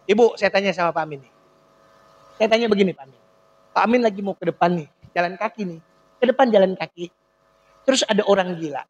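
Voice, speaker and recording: A man's voice: sits high, highs cut off. A man preacher giving a humorous sermon in a mosque, teasing the congregation and often laughing.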